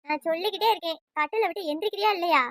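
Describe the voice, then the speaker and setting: A woman voicing a scolding, sharp-tongued old mother-in-law in a family cartoon, nagging and quarrelsome. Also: very high-pitched, very fast, no echo, clean studio sound. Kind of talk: cartoon voice acting.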